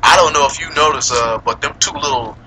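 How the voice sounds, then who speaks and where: A man chatting casually about a movie, animated and profane, laughing often and mimicking characters. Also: mid-range voice, fairly quick, a little hiss or hum, rough recording. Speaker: movie reviewer. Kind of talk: casual chat.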